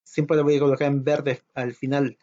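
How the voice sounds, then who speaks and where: Male teacher, mid pitch, patient and repetitive, muffled lo-fi audio. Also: little pitch movement, dark tone. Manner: slow, patient, repeats each word twice. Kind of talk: online language lesson for children. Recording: dull lo-fi audio.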